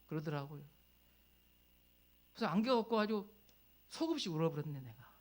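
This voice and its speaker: A male pastor preaching a sermon, telling a personal story in a conversational way, rising to loud emotional peaks and dropping to near whispers. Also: a little high, very animated, moderate pace.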